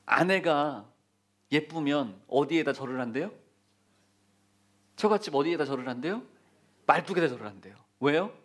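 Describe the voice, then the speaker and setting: High-voiced Korean pastor preaching. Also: male voice. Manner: lively storytelling, acting out voices of king and Nehemiah; repeated exhortations, dropping to a whisper at times. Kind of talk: sermon.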